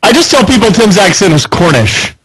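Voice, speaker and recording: A man co-hosting a casual radio chat, joking and lively, a former news writer. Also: high-pitched, a little fast, noisy background. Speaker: radio co-host.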